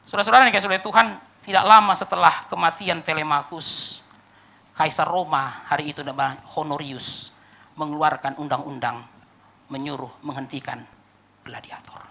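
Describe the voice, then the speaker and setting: A man's voice: fairly high pitch, moderate pace, vocal fry, bright, forceful tone. A male pastor preaching a sermon in church, telling stories with animation and often addressing the congregation directly.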